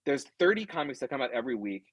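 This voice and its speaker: A man's voice: mid-range voice, sing-song, very fast, no room sound, low-quality recording. A middle-aged man, a comics writer guest, chatting casually and animatedly, drifting into tangents and acting out quoted customers. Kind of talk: casual chat.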